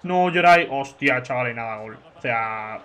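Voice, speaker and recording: A young man from giving excitable, chatty football video game commentary, shouting at big chances. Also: mid-range voice, unhurried. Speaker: gaming YouTuber. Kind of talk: let's-play commentary.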